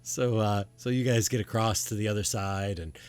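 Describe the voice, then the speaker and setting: A man narrating a tabletop game as game master in a casual, halting, informal way. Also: fairly low pitch, steady tone, a little mellow, smooth.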